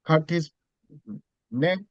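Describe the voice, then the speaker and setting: A man, a Buddhist monk teacher, telling a story in a dharma talk, speaking slowly and deliberately and repeating phrases. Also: on the high side, no echo, dull audio.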